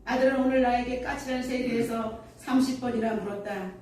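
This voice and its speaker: A woman's voice: fairly high pitch, fairly even intonation, fairly quick, darkish tone, slight background noise. A woman pastor preaching a sermon earnestly and telling a story, recorded in a church sanctuary from a distance. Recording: echoey church hall from afar.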